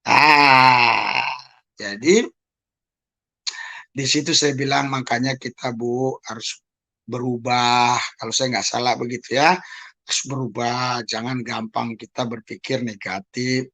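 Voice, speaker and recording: Gravelly guy on his channel clearing his name, keeps asking why so touchy, talks straight to the viewers. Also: medium pitch, sharp tone. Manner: emphatic, repeats rhetorical questions; addresses listeners as "Saudara". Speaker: YouTube channel host. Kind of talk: clarifying monologue to viewers.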